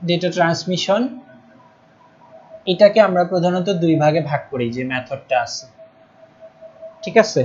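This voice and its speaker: A man's voice: a little high, measured pace, pauses often, darkish tone. Patient Bangladeshi male lecturer, lo-fi stream. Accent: Bangladeshi Bengali. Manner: patient, checks in often with "ঠিক আছে?"; stresses spelling and pronunciation, repeating terms. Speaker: teacher. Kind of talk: live online lecture.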